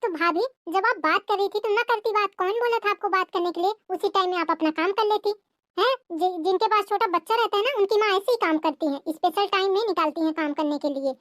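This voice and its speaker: Woman doing a shrill taunting sister-in-law. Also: fast talker, a bit bright, no echo, studio quality. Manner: taunting, nagging. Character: shrill, scornful young adult sister-in-law. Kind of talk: cartoon family drama voicing.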